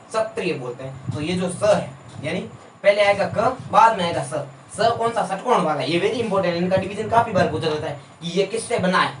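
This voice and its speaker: High-voiced male teacher drilling a class. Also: slight background noise. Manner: drills students with repeated questions and answers. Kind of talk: classroom lecture. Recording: echoey room, voice from a distance.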